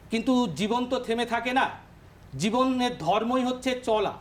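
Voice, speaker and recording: A man teaching a televised lesson to young pupils, explaining slowly step by step and often pointing them to what he has written. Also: very high voice. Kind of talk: televised classroom lesson for children. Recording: echoey studio room.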